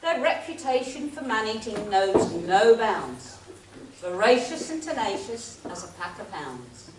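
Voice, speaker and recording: A woman's voice: medium pitch, sing-song, a little slow. A woman playing a wry, grand pantomime storyteller, narrating in theatrical rhyming verse in an echoing hall. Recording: echoey hall, distant mic, faint noise.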